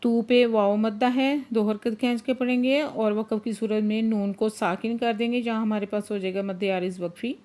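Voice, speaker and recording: A woman teaching Quran recitation, chanting verses slowly and drawn out, then explaining the rules briskly. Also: on the high side, steady tone, darkish tone. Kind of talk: tajweed lesson, slow chanted recitation then quick explanation.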